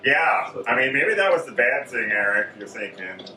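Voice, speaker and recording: Speaking at a normal speed over music, this game master has a medium-pitched, very animated voice. He narrates a tabletop horror game, meandering loosely through his scene descriptions. The audio, captured in a convention gaming room, is echoey, distant and full of room noise.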